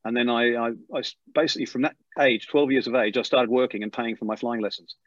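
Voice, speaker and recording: A middle-aged man speaks at medium pitch, his Australian accent softened by years living in England. In a storytelling interview, he animatedly tells how he became an airline pilot, talking quickly and restarting often. The lo-fi audio sounds slightly dull, with no room sound.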